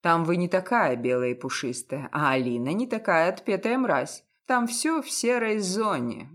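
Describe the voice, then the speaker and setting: A woman voicing a cynical, self-assured male private detective who talks down with mocking calm. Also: on the low side. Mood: mocking lecture. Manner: mocking, condescending, unhurried.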